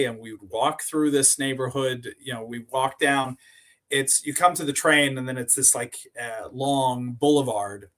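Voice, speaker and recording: A Swedish company co-founder with a mid-range voice tells stories as a podcast guest in a casual interview. He's relaxed and rambling, with lots of fillers and restarted words.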